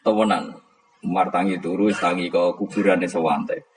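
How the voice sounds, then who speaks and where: A man's voice: sits low, steady tone, moderate pace. A man giving a religious lecture, humorous and chuckling, often quizzing his audience. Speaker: Islamic preacher.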